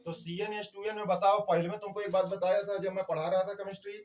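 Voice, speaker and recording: High-voiced chemistry teacher. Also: male voice, little pitch movement, fast, distant mic. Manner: questions the class and answers himself, coaxing. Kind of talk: classroom lecture.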